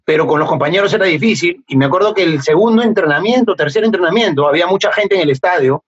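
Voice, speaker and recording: Middle-aged Peruvian man, husky, animated storyteller with a lively, laughing delivery; dull lo-fi podcast audio. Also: high-pitched, quick pace. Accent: Peruvian Spanish. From Peru. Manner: animated, laughs often, acts out remembered dialogue. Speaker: guest, former footballer. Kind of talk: casual storytelling interview.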